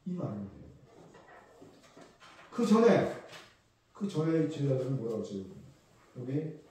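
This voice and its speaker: A male pastor giving a sermon, asking the congregation questions and swinging between loud emphasis and soft asides. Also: mid-range voice, very animated, unhurried. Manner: conversational preaching with questions to the congregation. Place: church sanctuary. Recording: echoey church room, mic at a distance.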